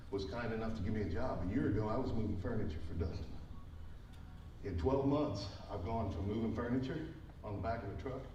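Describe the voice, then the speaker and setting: A man's voice: fairly low pitch, lo-fi sound. Breathless man in his thirties, echoey hall. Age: 30s. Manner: casual, self-deprecating, with many fillers. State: a little out of breath. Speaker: speaker at a business event. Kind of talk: personal testimony talk to a live audience. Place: large event hall with a live audience. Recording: echoey hall, mic far off, crowd noise.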